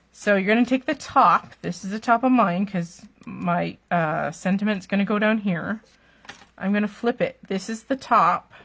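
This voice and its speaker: Slow-talking chatty craft instructor woman. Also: mid-range voice. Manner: chatty, laughs often, keeps asking "okay?". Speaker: card-making instructor. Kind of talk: live-streamed craft demonstration.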